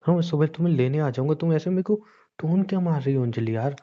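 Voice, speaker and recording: A man's voice: fairly high pitch, lively intonation, quick pace, dull audio, close to an everyday voice. A man playing a stressed young husband who insists and reassures, sometimes flustered, in a scripted audio drama. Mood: insistent. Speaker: husband in a phone-call drama.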